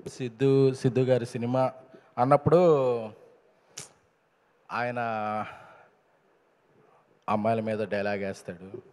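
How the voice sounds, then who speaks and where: A man's voice: mid-range voice, flat delivery, takes it slowly, long pauses. A man, a film producer, giving an emphatic stage speech at a film event, punching up key points and slipping in English phrases. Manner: emphatic, rising to loud stresses. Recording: reverberant event hall.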